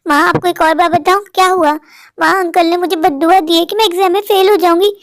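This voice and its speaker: A woman voicing a cartoon schoolgirl daughter who snaps quickly and sharply, then grows remorseful. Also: extremely high pitch, steady tone, no echo, studio quality. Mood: anxious. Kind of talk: cartoon voice acting.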